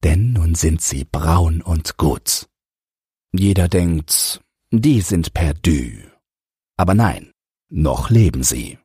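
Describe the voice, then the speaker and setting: A man reading rhyming verse aloud for an audiobook podcast, in a measured, rhythmic way. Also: sits low, animated, mellow, breathy edge, no echo, clean studio sound.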